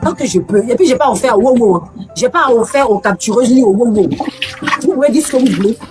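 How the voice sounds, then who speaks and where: A woman's voice: on the high side, lively intonation, fast, a little mellow. A woman hosting a live stream, ranting combatively at her critics and repeating her points. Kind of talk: heated live stream rant.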